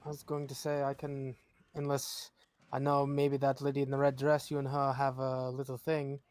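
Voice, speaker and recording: A man's voice: mid-range voice, monotone, moderate pace, a little mellow, no echo. A man playing a tabletop game, talking reassuringly and reasoning through plans with the group. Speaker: player. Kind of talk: casual in-character game talk.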